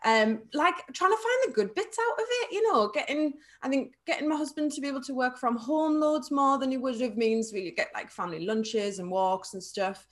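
A woman's voice: sits high, fairly quick, few pauses. Chatty young northern woman. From Carlisle, England. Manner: chatty, laughs often, many fillers. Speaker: guest. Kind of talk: live online interview.

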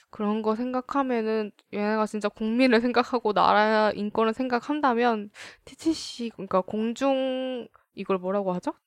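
A woman's voice: mid-range voice, smooth, no room sound, studio quality. A woman from South Korea hosting a casual group discussion, self-deprecating and sometimes searching for words. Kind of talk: casual panel chat.

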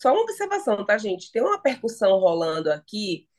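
Bahian woman guest, playful and lively, laughs easily, mid pitch. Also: a little fast. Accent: Bahian Brazilian Portuguese. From Salvador, Bahia, Brazil. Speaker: podcast guest, journalist. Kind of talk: casual podcast chat.

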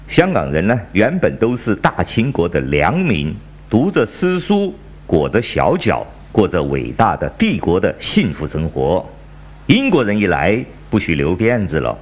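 Sarcastic man with a very animated delivery. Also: lowish voice. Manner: sarcastic, mock-indignant. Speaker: podcast host. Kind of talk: satirical political commentary.

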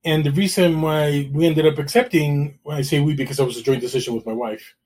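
A middle-aged man from El Salvador, a realtor who is a guest on an interview, telling his story in a relaxed way with dry, self-deprecating humor. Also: fairly high pitch, brisk.

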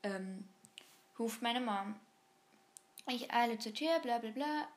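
A woman casually reading quiz questions aloud and answering them, thinking out loud with many fillers and restarts, and skimming longer text. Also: on the high side, takes it slowly. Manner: reads text aloud, skims with bla bla. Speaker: vlogger taking an online quiz.

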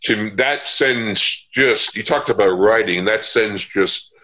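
A man with a fairly low voice hosts a casual interview. He talks reflectively and at length, feeling his way through each thought in a halting manner. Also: pushed and bright, low-quality recording. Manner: halting, reflective, long-winded. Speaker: interview host.

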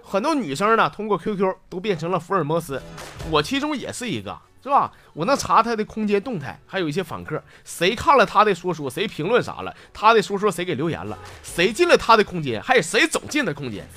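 Brief: joking male host with a Northeastern accent, lively and slangy, swooping delivery. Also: sits high, fairly quick. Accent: Northeastern Mandarin. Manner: teasing, animated, slangy. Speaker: host reading listener stories. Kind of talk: comic storytelling. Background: background music.

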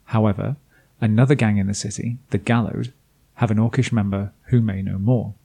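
A man narrates a scripted tabletop campaign recap as game master. His voice is low, mellow and a bit husky. He drops in dry, self-deprecating asides along the way. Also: steady tone, normal speed. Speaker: game master and podcast host.

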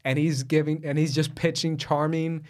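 A fairly high-pitched man talking casually about movies on a podcast. He is animated and playful, jumping into quoted voices as he tells stories. His speech is loose and conversational. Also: normal speed. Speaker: podcast co-host. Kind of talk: casual film chat.

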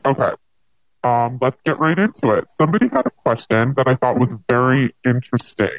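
A host talking through a voice changer that lowers the pitch into a deep robotic tone, chatting casually and upbeat in a live audio interview. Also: big pitch swings, brisk, no echo, poor audio. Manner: chatty, upbeat, filler-heavy.

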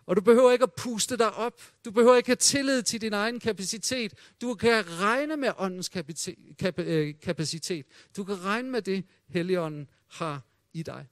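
A man preaching a sermon in a high, light voice, telling the old stories with drama. He drops almost to a hush when he quotes the voices in them. The sound is dry and close, with no room echo. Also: hardly any pauses.

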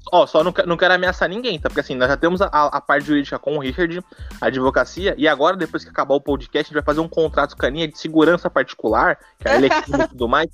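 Male podcast co-host, rapid and rambling, self-mocking humor, faint music underneath. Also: a little high, lively intonation, fairly bright tone. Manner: joking, self-deprecating, fast and rambling. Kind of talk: casual podcast chat.

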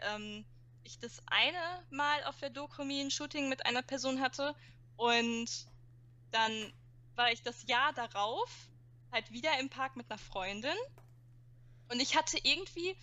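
A woman's voice: a little high, bright, forceful tone. A young woman telling funny convention anecdotes in a casual chat, acting out quotes with youth slang.

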